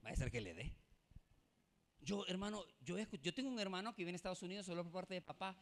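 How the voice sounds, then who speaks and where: Salvadoran pastor preaching in lively chat. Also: male voice, high-pitched, fast talker. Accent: Salvadoran Spanish. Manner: conversational preaching, often addresses listeners as "hermano", laughs at his own jokes. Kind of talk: sermon. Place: church.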